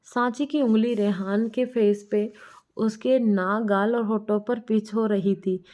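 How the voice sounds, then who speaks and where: A woman's voice: medium pitch, fairly even intonation, unhurried, dark tone. A woman reading a family drama story aloud, voicing every character herself. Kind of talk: scripted narration. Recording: muffled lo-fi recording.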